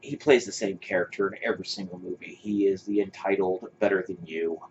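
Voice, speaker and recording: Speaking fairly quickly in a low-pitched voice, a man co-hosting a podcast keeps his intonation fairly even. He chats in an opinionated, casual way, full of fillers and restarts. A faint hiss sits beneath the dull, lo-fi recording.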